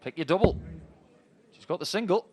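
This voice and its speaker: A man's voice: high-pitched, animated, moderate pace, slightly rough. A man giving chatty live commentary on a darts match. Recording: loud crowd behind commentary. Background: darts crowd.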